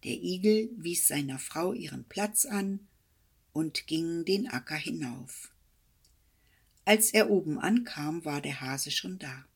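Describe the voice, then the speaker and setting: Slow husky woman reading a fairy tale. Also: low-pitched. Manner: expressive, with whispered passages. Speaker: storyteller.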